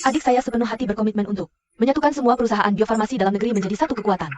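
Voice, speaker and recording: A woman's voice: on the high side, rapid-fire, a little mellow, slight background noise, lightly acted. A woman dubbing a poised female lab chief and elder sister, speaking formally and composedly. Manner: formal, composed speech-giving. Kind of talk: dubbed drama.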